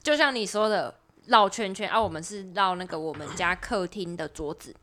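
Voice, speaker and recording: A woman's voice: lowish voice, moderate pace, fairly bright tone. A woman, co-hosting a podcast in casual chat, giving attentive interjections and telling a short story of her own. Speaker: podcast co-host.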